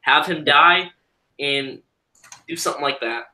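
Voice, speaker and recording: A man's voice: a little high, unhurried, pushed and bright. A man chatting casually as a guest on a live stream, rambling and cutting himself off mid-thought. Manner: rambling, self-interrupting. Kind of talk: casual chat.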